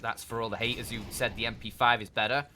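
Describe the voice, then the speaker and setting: A man's voice: medium pitch, level tone, quick pace, noisy background. A man doing live commentary on a competitive shooter match, joking and bantering with his co-caster. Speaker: esports commentator.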